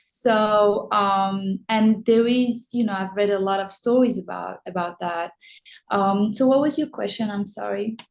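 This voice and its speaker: Slow-talking woman director from morocco, lots of ums, thinking out loud. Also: medium pitch, vocal fry, a little hiss or hum, low-quality recording. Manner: hesitant, many ums and restarts. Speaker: film director being interviewed. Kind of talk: casual interview answers.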